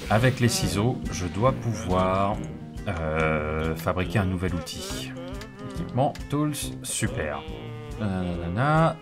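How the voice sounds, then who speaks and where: A man's voice: deep voice, lively intonation, slow. A man hosting a let's play, chatting casually and jokingly as he thinks aloud through the game. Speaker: gaming video host. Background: game music.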